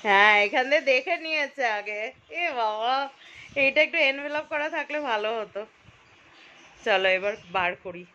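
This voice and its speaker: A young woman talks straight into her phone camera at home, chatty and lively. Her voice is bright and a little high, with a faint hiss of background noise under it. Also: moderate pace, muffled recording. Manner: chatty, lively, whispers while planning a surprise. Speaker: vlogger. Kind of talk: casual home vlog. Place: family home indoors.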